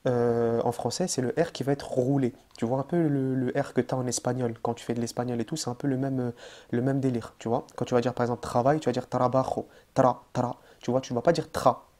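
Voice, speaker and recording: Casual, mellow-voiced male Arabic teacher. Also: mid-range voice, fast talker. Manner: relaxed, chatty, many fillers and restarts; addresses the viewer informally as "tu". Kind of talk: casual online language lesson.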